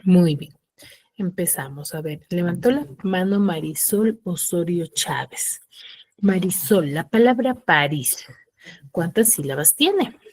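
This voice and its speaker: A woman teaching an online class with a somewhat low voice and a patient, questioning way of talking. She slows down to sound out syllables, and the recording is dry and close, with no room echo. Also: lively intonation, a little mellow.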